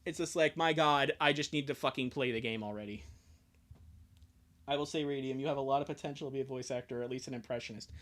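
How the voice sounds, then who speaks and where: Talking fast in a mid-range, slightly bright voice, a young streamer rambles casually on his livestream, cursing freely and poking fun at himself.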